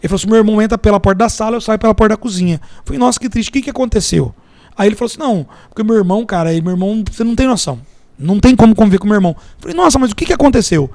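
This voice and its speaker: A man's voice: high-pitched, lively intonation, very fast, darkish tone, no echo. A Brazilian man, a podcast guest, chatting casually and telling anecdotes and parables with acted-out quotes. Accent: Brazilian Portuguese. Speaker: podcast guest, entrepreneur and mentor.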